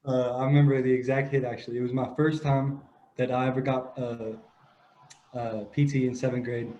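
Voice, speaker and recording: A young man tells football stories on a casual podcast, loose and rambling, full of filler words. His voice sits at a middling pitch. The audio sounds dull and lo-fi. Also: a little fast, slight background noise. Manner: relaxed, rambling storyteller with many "like" fillers. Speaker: podcast co-host, grandson. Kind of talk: casual sports chat.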